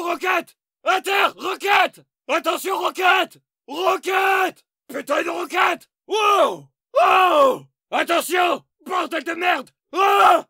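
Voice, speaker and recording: An actor playing a frantic, foul-mouthed French Resistance fighter, yelling urgent combat barks for a video game. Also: male voice, very high voice, distant mic, full character voice.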